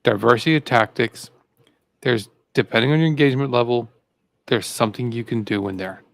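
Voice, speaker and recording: A man's voice: medium pitch, a little fast, fairly bright tone, dry recording. A man co-hosting a live political talk show, rambling and repeating himself as he gets fired up. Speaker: co-host. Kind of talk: casual political commentary.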